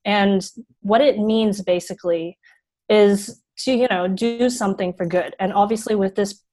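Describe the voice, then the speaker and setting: A teenage girl from Hong Kong, a youth fund founder appearing as a guest, answers interview questions earnestly and often says "you know." Her voice is mid-range and warm, at a moderate pace.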